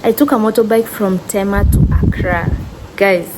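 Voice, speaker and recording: A woman's voice: mid-range voice, fairly even intonation, moderate pace. A woman with a Kenyan accent telling a story casually as a travel vlogger, chatty and emphatic, repeating words to make her point. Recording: clear background noise.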